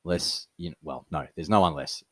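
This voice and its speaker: A man's voice: low-pitched, moderate pace, no echo. A man with an Australian accent, co-hosting a podcast and telling stories in casual chat, laughing often. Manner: storytelling, laughs a lot, animated. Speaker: podcast co-host.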